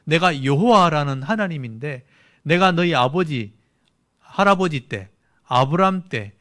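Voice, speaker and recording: Slightly high-voiced male pastor preaching. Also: expressive, a little slow, fairly bright tone. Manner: conversational, explanatory preaching with filler "eh". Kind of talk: sermon. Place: church.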